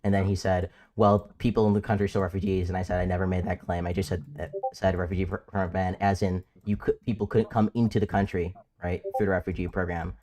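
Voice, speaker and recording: A man's voice: low voice, flat delivery, quick pace, hardly any pauses, darkish tone. A man hosting a live debate stream, insistent and repeating himself with stumbling restarts. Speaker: livestream debate host.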